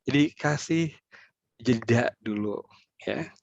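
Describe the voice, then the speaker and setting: A man's voice: mid-range voice, takes it slowly, vocal fry, no room sound, muffled recording. A man giving an online training talk, explaining step by step and repeating key points for emphasis.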